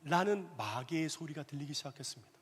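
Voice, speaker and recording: Man, pastor, storytelling sermon, animated with hushed asides, somewhat high voice, long church reverb. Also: quick pace, slightly rough. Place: church sanctuary.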